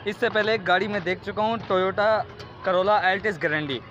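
Touring a car market with his phone in hand, a man with a Karachi Urdu accent questions sellers and echoes their prices and details in a relaxed walkaround review. He speaks a little slowly in a high, slightly bright voice, the lo-fi recording carrying soft background music.

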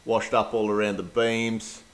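A man's voice: lowish voice, little pitch movement, measured pace. Plain-spoken Australian man narrating renovation. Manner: matter-of-fact, practical, plain-spoken. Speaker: DIY renovator. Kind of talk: casual renovation vlog narration.

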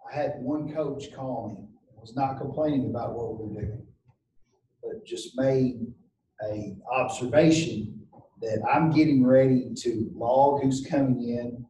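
A man on a video call talking in a measured, deliberate way. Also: medium pitch, dark tone, distant mic, a little hiss or hum. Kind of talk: board meeting discussion. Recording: roomy video call from off mic.

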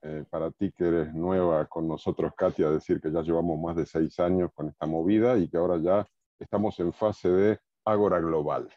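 A man hosting a book club video call, calling on each guest by name in a relaxed, welcoming way. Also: sits low, moderate pace, no echo. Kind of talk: online meeting introductions. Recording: dull dry video-call audio.

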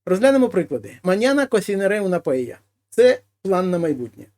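A man teaching a language lesson: he reads each example phrase, then translates it slowly and explains it. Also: sits high, sing-song, a little mellow. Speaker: Spanish teacher.

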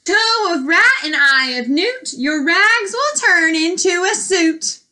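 A woman's voice: high-pitched, sing-song, slow, pushed and bright, voice pushed up, heavily acted. A woman voicing a bungling female fairy who chants rhyming spells in a storybook reading. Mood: chanting. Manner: sing-song rhyming spellcasting.

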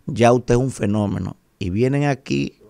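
Emphatic Dominican man, gravelly commentator. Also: medium pitch, moderate pace, dark tone, no echo, studio quality. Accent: Dominican Spanish. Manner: emphatic, rhetorical, keeps asking "¿verdad?". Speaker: radio commentator. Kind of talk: opinion commentary. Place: radio studio, indoors. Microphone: studio mic on a boom arm.

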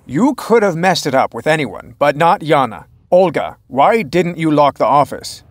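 Rich: an angry clinic director who scolds and fires staff in a curt voice. His voice sits high, swings widely in pitch, and sounds dry and close. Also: sing-song, moderate pace, no room sound. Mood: reproachful. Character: angry male clinic director, blunt and harsh. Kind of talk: dubbed drama acting.

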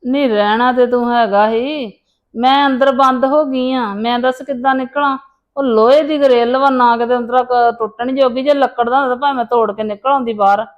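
A woman's voice: a little high, fairly even intonation, fairly quick, dull audio, close to an everyday voice. A woman playing a fretful, grumbling and demanding mother-in-law in a family drama. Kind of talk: dramatic monologue and phone dialogue in a family serial.

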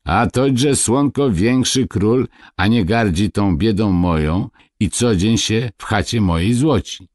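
A man voicing a poor, stubborn peasant who talks in a curt rustic dialect, louder and higher than his narration. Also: slow pace, no echo. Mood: plain-spoken.

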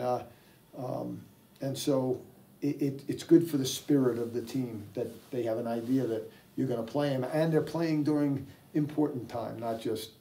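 A man's voice: medium pitch, creaky, warm tone, distant mic, slight background noise. An older man, a head coach, answering press questions after a game, rambling with many fillers and restarts. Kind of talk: postgame press conference answers. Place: press room with sponsor backdrop, seated at table. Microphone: table mic, heard from a distance.

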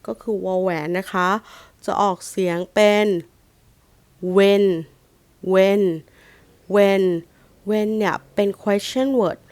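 A woman teacher with a Thai accent, sounding out letters and repeating words slowly in a phonics lesson for young children. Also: medium pitch, no room sound. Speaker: primary school English teacher.

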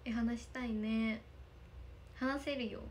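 Young woman on a phone livestream, chatty n giggly, reads comments, high voice, bit of background hiss. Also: fairly even intonation, slow. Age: young adult. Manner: chatty, thanks viewers often, giggly. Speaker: idol livestreamer. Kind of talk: casual livestream chat reading comments. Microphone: phone camera.

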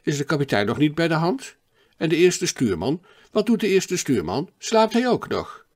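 A man's voice: medium pitch, moderate pace, close to an everyday voice. A man playing a talkative, absent-minded French professor in a read-aloud storybook, hopping from topic to topic. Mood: eager chatter. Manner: chatty, jumps from topic to topic, excited questions.

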